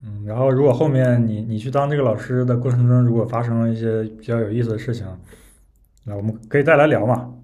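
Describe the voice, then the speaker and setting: Guy hosting a casual chat interview, soft-edged mellow voice, middle pitch. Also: fast. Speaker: podcast interviewer, host.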